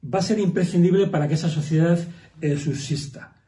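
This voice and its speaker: A man's voice: fairly high pitch, fairly quick, warm tone. Fields: man, sermon, roomy distant sound. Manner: explanatory, emphatic, repeats for stress. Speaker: pastor. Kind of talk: sermon teaching. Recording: roomy echo, from far off the mic.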